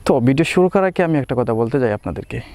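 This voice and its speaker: Gravelly young man vlogging playfully. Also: medium pitch, expressive, quick pace, noisy background. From Bangladesh. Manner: playful, mixes standard Bangla with Sylheti dialect. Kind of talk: casual comic vlog to camera.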